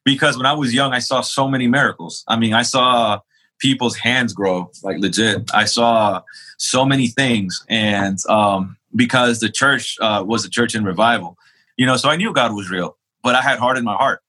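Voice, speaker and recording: This is a young Queens-born pastor appearing on a podcast, telling his testimony in a relaxed interview. He speaks at normal speed with a medium-pitched, sharp voice, using fillers and frequently restarting sentences.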